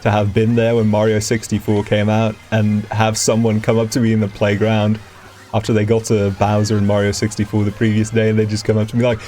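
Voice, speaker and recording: A young man who isn't a native English speaker streams a racing game with friends, bantering casually, laughing easily, and reminiscing. His voice is low, monotone and dark, and he talks briskly in a chatty way.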